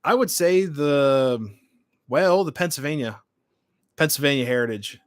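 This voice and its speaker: Reading out comments and replying in quick, short bits, a late-twenties livestream host keeps things casual. He speaks a little high and unhurried, with lively intonation, and the studio-quality recording has no room sound.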